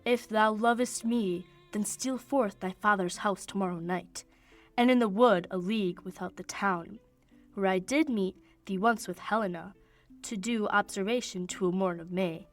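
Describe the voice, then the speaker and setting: Lightly acted at a moderate pace, this young adult woman's mid-range voice plays against faint music. She voices a lovestruck young nobleman in a Shakespeare radio play, delivering poetic verse declamatorily with eager, conspiring energy.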